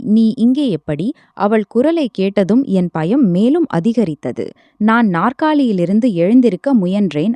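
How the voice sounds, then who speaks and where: A woman's voice: mid-range voice, mellow, no echo. A woman narrating a dramatic first-person story in a suspenseful, scripted way.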